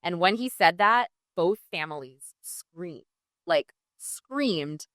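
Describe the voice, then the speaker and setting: Female guest reporter, earnest storyteller with frequent restarts, bright and crisp, lowish pitch for a woman. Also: lively intonation, slow pace, no echo. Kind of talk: live podcast storytelling. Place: pizzeria before live audience.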